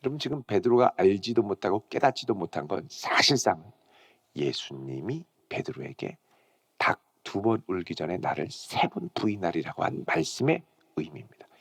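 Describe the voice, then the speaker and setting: A middle-aged male pastor preaching a morning devotional sermon, dramatic and expressive, dropping to hushed whispers and acting out quoted lines. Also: deep voice, moderate pace, gravelly, breathy edge. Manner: acts out quoted lines in character.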